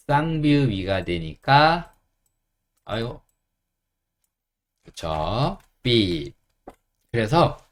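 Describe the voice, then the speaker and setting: A middle-aged man explains English pronunciation to complete beginners, breaking each word into single sounds. He speaks at a medium pitch with a lively rise and fall, calm and reassuring, and slows right down to model each sound. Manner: patient, repeats sounds slowly and reassures learners. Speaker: English teacher.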